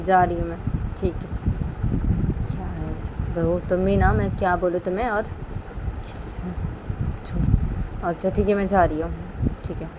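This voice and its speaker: A woman's voice: on the low side, steady tone, normal speed, long pauses, heavy background noise, lightly acted. A woman voicing a stern older mother-in-law who lectures in repetitive phrases. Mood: resigned.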